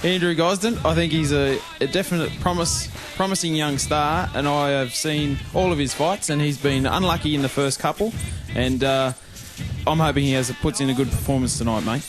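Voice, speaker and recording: A man's voice: on the high side, moderate pace, music in the background. A man with an Australian accent giving informal boxing commentary as co-commentator.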